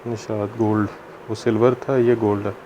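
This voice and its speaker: A man's voice: on the low side, flat delivery, normal speed. A man with a Pakistani accent hosting an unscripted shopping video, asking short price questions and acknowledging the answers. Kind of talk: unscripted shop-tour interview, asking prices. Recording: clear background noise.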